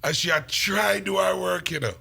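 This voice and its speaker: A man's voice: sits high, a little fast, gravelly, pushed and bright, husky. A middle-aged man hosting a casual radio chat, laid-back and joking. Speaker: radio host.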